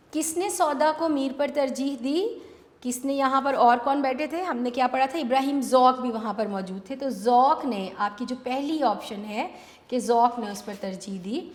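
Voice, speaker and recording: Woman teacher in an echoey hall. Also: on the high side. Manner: calls students "beta", asks and answers her own questions. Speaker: Urdu teacher. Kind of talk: online exam-prep lesson.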